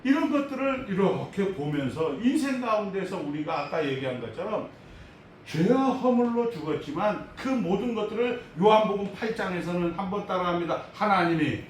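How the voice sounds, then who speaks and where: A male pastor preaches with animated energy and acts out the people in his stories. His voice sits high. It rings through a very echoey church hall from a distance, over a faint hum. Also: moderate pace. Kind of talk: sermon. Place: church sanctuary.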